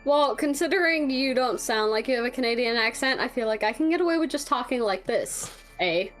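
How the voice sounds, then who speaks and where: A woman's voice: sits high, fairly quick, faint music behind. A woman player chatting casually and teasing the others. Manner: joking, teasing. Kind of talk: casual chat.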